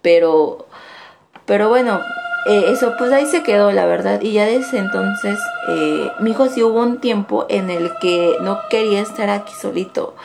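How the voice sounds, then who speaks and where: A woman's voice: medium pitch, normal speed, creaky, background noise. A young woman, telling a personal paranormal story in a casual, rambling way full of restarts and asides. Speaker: caller sharing a paranormal story.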